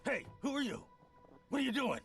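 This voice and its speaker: A man's voice: very high-pitched, wildly swooping pitch, fairly quick, creaky, a bit bright, soft background music, exaggerated voice. A man playing a hostile townsman who barks at outsiders in a video game. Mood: alarmed, challenging. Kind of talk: video game character acting.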